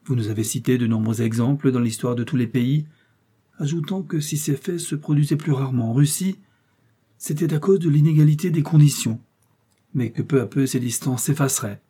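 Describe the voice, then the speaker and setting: A man's voice: medium pitch, brisk, warm tone, husky, close to an everyday voice. A man reading the lines of an ambitious young man of humble birth, in a subdued, deferential tone.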